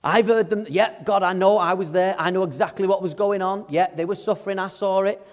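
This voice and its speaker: A man's voice: high voice, fairly even intonation, fairly quick, voice pushed up, natural voice. A male preacher acting out a reluctant, stammering shepherd who is anxious and protests, first with sarcasm and then pleading. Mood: sarcastic. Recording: long hall reverb.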